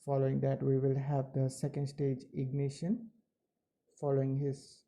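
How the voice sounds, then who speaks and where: Very dark-voiced man, halting live commentary. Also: mid-range voice, monotone, slight background noise. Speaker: launch webcast commentator.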